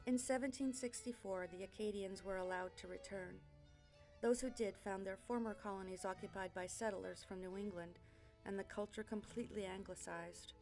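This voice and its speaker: Woman narrator, scripted documentary read, mid-range voice, instrumental music clearly behind. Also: mid-range voice, steady tone, normal speed, a little mellow.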